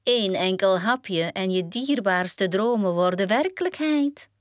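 A woman with a Flemish accent voicing a wicked old witch in a read-aloud storybook, coaxing in a drawn-out, shrill voice. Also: animated, no echo, clean studio sound, close to an everyday voice. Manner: wheedling coaxing that turns to screeching threats. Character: cackling wicked old witch, female, scheming.

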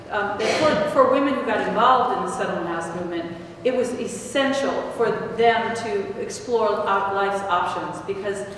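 An older woman with a mid-range voice answers audience questions on a panel, talking conversationally with restarts and self-corrections. A table mic picks her up from a distance in a large, echoey stone-walled hall, with noise in the background.

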